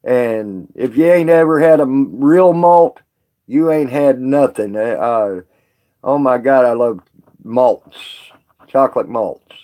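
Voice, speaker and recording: A man's voice: mid-range voice, slow pace, dark tone. A man chatting casually on a live stream with viewers, rambling and folksy, laughing often.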